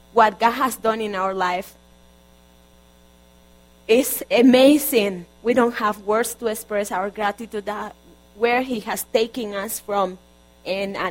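Sermon voice: Colombian woman, Spanish native, fairly high voice, earnest with many restarts, faint hum behind. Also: rough recording. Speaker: guest preacher.

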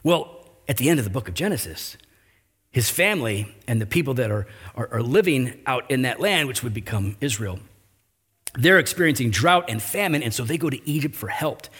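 A male pastor delivers a sermon in a conversational way, trailing into restarts and quick asides. His voice sits at an ordinary middle pitch but climbs and gets louder whenever he drives home a point. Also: slightly rough. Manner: animated preaching, pitch and volume rising for emphasis.

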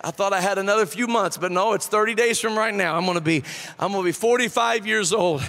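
A man in his forties preaching a sermon, swinging from impassioned shouting and half-sung lines to soft, low, confiding passages. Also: fast. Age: 40s.

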